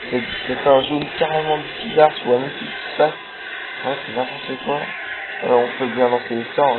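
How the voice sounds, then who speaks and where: Young man rambling over tinny game audio. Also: mid-range voice. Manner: rambling, many fillers and restarts. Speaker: gameplay video creator. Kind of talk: casual gameplay commentary. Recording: tinny lo-fi capture with loud game music. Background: game music.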